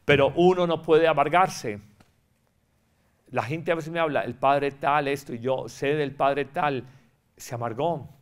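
A man's voice: fairly high pitch, a little slow. A man, a priest, giving an emphatic spiritual retreat talk, repeating phrases and acting out quoted voices.

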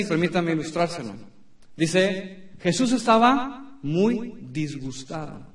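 A man in his thirties preaching a sermon in a church, emphatic, with dramatic pauses and repeated phrases. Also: high voice. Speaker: pastor. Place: church sanctuary. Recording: echoey room from a distance.

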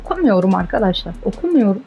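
A woman's voice: medium pitch, sing-song, fast talker, lo-fi sound, soft background music. A young woman giving casual commentary on her own gameplay, cheering herself on and getting exasperated. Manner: chatty, self-cheering, exasperated at the game. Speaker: gaming streamer.

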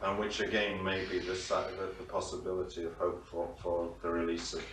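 A man from the audience raising a question, halting and slowing as he reaches his points. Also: deep voice, little pitch movement, a bit bright. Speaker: audience member asking a question. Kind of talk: discussion question. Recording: roomy sound from far off the mic, faint hiss.

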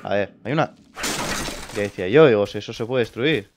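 A young man giving casual let's play commentary, excitable and quick to swear. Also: fairly low pitch, noisy background. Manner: excitable, swears, laughs at scares. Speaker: gamer.

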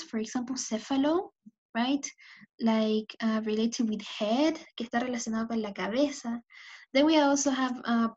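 This bilingual English teacher, a native Spanish speaker, has a slightly high, darkish voice. In her recorded lecture she gives each point in English, says it again in Spanish, and frequently asks "¿ok?". The sound is lo-fi and dull.

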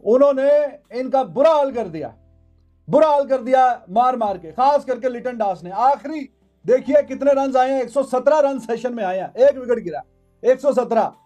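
A man's voice: very high voice, warm tone. Man, 30s, mocking cricket analyst, repetitive, studio, lapel mic. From Pakistan. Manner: mocking, repeats phrases for emphasis. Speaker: cricket commentator. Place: indoor studio.

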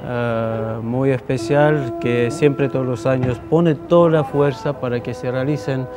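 A man's voice: mid-range voice, fairly even intonation, a little slow, music in the background. A man in his thirties from Armenia, a guest musician in a TV studio interview, speaking on a lapel mic with many fillers and restarts.

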